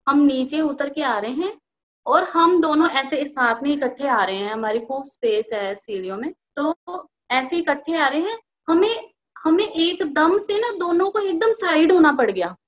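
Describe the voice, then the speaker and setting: A young adult woman, telling a personal devotional story in a casual, animated way and acting out the dialogue of others. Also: high voice, moderate pace. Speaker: devotee sharing a personal experience. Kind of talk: casual spoken testimony. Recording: dull lo-fi recording.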